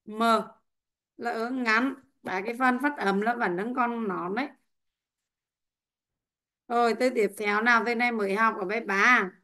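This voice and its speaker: A woman's voice: on the high side, steady tone, a little slow, long pauses, sharp tone. A young woman teaching an English class online, patiently drilling pronunciation word by word. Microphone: headset or computer mic on a video call.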